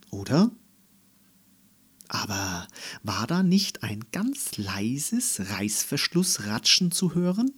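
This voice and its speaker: Breathy slow storyteller man. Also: medium pitch. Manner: slow, expressive storytelling with lively intonation. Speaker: narrator. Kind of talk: children's story reading.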